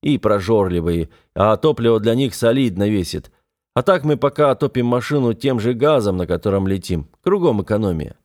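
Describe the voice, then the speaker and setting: A man's voice: lowish voice, expressive, moderate pace, a little mellow, lightly acted. A man voicing a confident, somewhat dismissive naval officer in an audiobook. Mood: assured. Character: self-assured naval officer, adult man. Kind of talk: audiobook character voice.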